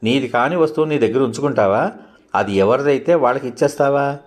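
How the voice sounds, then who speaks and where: A man voicing a calm, sensible wife who gently reasons with her family, in a read-aloud novel. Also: mid-range voice, a little fast, voice pushed up, close to an everyday voice. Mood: gently reasoning.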